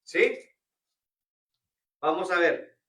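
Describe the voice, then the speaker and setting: Heard from some way off in an echoey church hall, a man with a bright, very high voice runs a Bible study, stretching out his words expressively. He constantly puts questions to the room and addresses everyone as "hermanos," meaning brothers.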